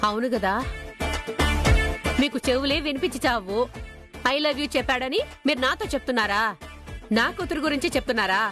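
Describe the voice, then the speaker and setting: A woman's voice: high voice, lively intonation, brisk, pauses often. An actress playing a middle-aged mother, brusque and impatient, defending her daughter, over background music.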